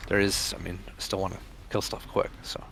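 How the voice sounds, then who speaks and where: A man's voice: sits low, flat delivery, a little fast, creaky, fairly bright tone, a little hiss or hum. A man leading a raid in an online game, giving casual callouts to his team over voice chat. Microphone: gaming voice chat microphone.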